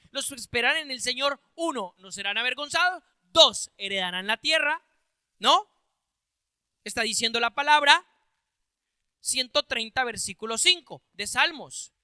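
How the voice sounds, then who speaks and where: Male preacher, high bright voice, verse-by-verse sermon with emphatic repeated phrases. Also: clear, resonant tone, no room sound. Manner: reads Bible verses aloud and explains them, repeats phrases for emphasis; bursts into loud emphatic calls.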